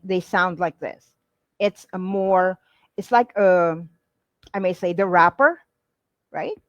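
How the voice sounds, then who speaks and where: A woman's voice: mid-range voice, dry recording, poor audio. Woman coaching a webinar, dry sound. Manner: explanatory, frequent "right?" and "okay?" check-ins with listeners; many "um" and "uh" pauses. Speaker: virtual assistant coach. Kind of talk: live webinar teaching.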